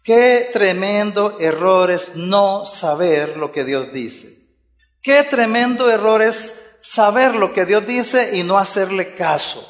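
A man's voice: high voice, expressive, takes it slowly, in a large hall. A man preaching a sermon as pastor, talking to the congregation in a conversational way and often tagging on "¿verdad?".

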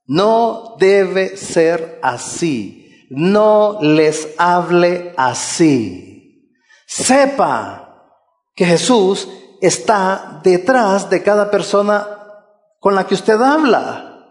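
A man's voice: sits high, very animated, drawn-out words, in a large hall. A male preacher giving an earnest, exhorting sermon, repeating his key phrases.

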